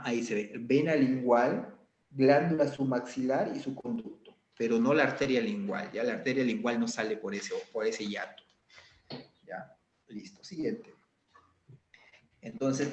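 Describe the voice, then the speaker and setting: A man's voice: mid-range voice, a little hiss or hum. Man lecturing anatomy in an echoey room. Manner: explains step by step, checks in with students. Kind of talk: lecture over slides. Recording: echoey, dull lo-fi sound.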